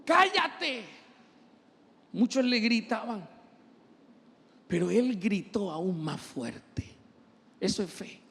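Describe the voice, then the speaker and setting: A man's voice: sits high, expressive, slow pace, gravelly, pauses often, in a large hall. A male pastor preaching an impassioned sermon and acting out the voices of the people he quotes.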